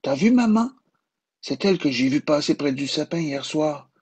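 A man voicing an excited, curious little boy with a Quebec French accent. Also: moderate pace, husky. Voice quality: high, eager voice.

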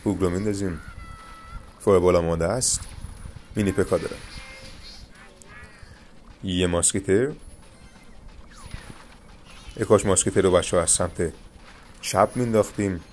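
A young man giving calm, coaching commentary over his own mobile game matches, talking straight to his viewers. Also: low-pitched, pauses often, a little hiss or hum. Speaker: gaming YouTuber. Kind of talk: live gameplay commentary.

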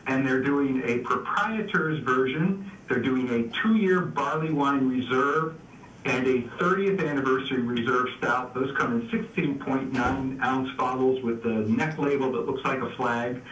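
A man's voice: mid-range voice, a little slow, a bit bright. Male radio contributor, easygoing and chatty with lots of restarts, sounding distant and echoey. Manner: easygoing, explains with frequent "uh" and restarts. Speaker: beer news contributor. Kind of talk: casual radio chat. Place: remote call into a radio show. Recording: echoey, distant, faint background noise.

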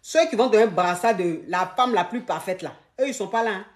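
A woman's voice: medium pitch, a little fast. Emphatic woman giving relationship advice. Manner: lively, emphatic, acts out scenes, repeats for emphasis. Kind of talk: animated advice monologue.

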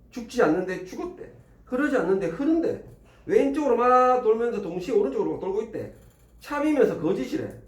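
A man teaching a classroom lesson, animated and teasing as he quizzes students. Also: sits high. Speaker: Korean language tutor. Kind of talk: classroom lecture. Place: small classroom. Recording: roomy classroom, faint ambience.

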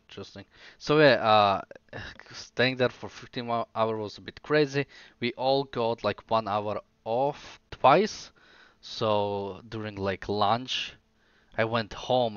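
A man's voice: lowish voice, clean tone, no echo, highs cut off. A sleepy young man who is losing his voice, chatting casually on a live stream, rambling and hesitant with many fillers and restarts.

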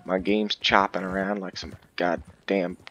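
A man's voice: low-pitched, little pitch movement, measured pace, a bit bright, faint music behind. A tired man with a headset microphone commentating a western game late at night, talking in a folksy, profane mock-cowboy drawl. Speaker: gamer playing a western game.

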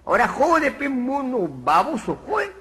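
A man's voice: very high-pitched, huge pitch swings, unhurried, pushed and bright, voice pushed up, full character voice. A man voicing a grown man who gloats and taunts in revenge. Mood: gloating. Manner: mocking and taunting.

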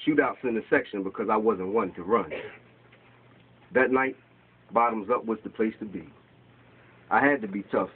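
A man in his forties, his voice fairly high, reads rhyming spoken word poems from papers at a small bookstore open mic, gesturing with a rhythmic delivery. He's recorded by a camera across the room, and the tinny lo-fi audio carries a little hiss or hum.

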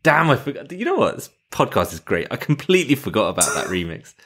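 A man co-hosting a music podcast in relaxed, conversational chat with some fillers. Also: mid-range voice, fast talker, slightly rough. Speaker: podcast co-host. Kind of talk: casual chat.

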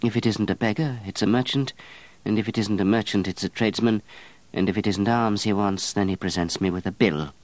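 A man's voice: on the low side, fairly quick, a little mellow, no room sound, close to an everyday voice. A man voicing an easygoing, fussy middle-aged monk who complains in a peevish, rising voice. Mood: fretful. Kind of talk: audiobook character voice.

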